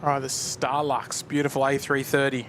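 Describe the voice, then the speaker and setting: A man's voice: medium pitch, flat delivery, normal speed, a bit bright, slight background noise. Chatty man hosting a plane-spotting livestream. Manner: chatty, matey, addressing viewers. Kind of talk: casual live commentary and chat.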